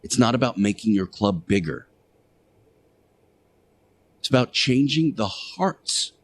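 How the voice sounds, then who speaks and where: A man playing Jesus Christ as an earnest, admonishing radio teacher, delivering a moral monologue with emphatic, deliberate pauses. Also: medium pitch, husky. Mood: stern, exhorting. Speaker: radio show host.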